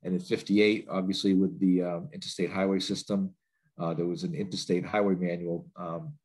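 Deep, husky and darkish, this man's voice comes out flat at a normal speed, clogged by a cold. He presents a training webinar from a home office through a laptop video call, rambling in loose sentences with frequent fillers and restarts.

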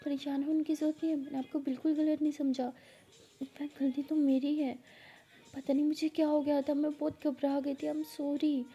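A woman voicing flustered, gentle Abeera. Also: sits high, flat delivery, normal speed, highs cut off. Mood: reassuring. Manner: breathless, flustered, partly whispered. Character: young woman Abeera, flustered but reassuring.

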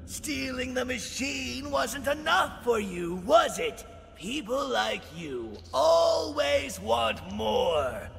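A gloating skeleton crime boss from a video game, drawing out every threat with slow theatrical menace. The voice is very high and gravelly, swinging dramatically through a cavernous reverb. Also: male voice, very animated, a bit bright, slight background noise, exaggerated voice. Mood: bitter menace. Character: vengeful undead skeleton crime boss, evil twin brother. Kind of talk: video game villain monologue. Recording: long cavernous reverb, game music underneath.

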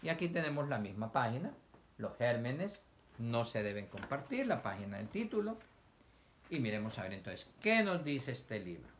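A man reads a picture book aloud to young children, his pitch rising and falling in lively swings. He talks in a mid-range voice and keeps turning to the class with questions. He acts out sneezes and coughs to show them what to do. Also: normal speed, a little hiss or hum. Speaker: teacher.

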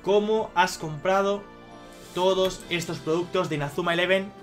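A young man with a Spain Spanish accent talks in a high, bright register as he unboxes on camera. He is excitable, keeps exclaiming and swears freely, and faint music plays underneath. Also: normal speed. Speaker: YouTuber.

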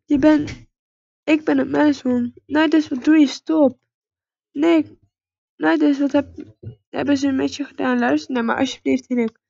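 A woman casually commentating her horse-riding game and reading its dialogue aloud, excitable and calling out to her horse. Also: high voice, a little slow, creaky, pauses often, dry recording, muffled recording. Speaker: let's play gamer.

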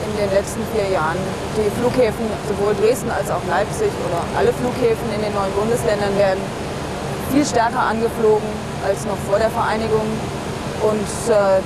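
Young woman pilot explaining stuff in cockpit interview, medium pitch, super loud hum. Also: steady tone, brisk. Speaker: airline pilot being interviewed. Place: small aircraft cockpit in flight.

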